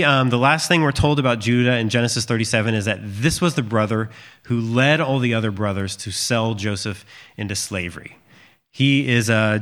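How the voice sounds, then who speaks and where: A man's voice: mid-range voice, fairly bright tone. A man preaching a sermon in a conversational way, with frequent fillers and restarts.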